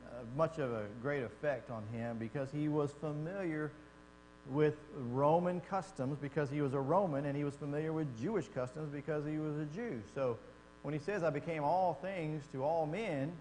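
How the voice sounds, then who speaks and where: A Texan man with a slightly high voice and a darkish tone teaches a church Bible class, keeping it folksy and conversational and putting questions to the class. The recording has an echoey hall sound and mains hum.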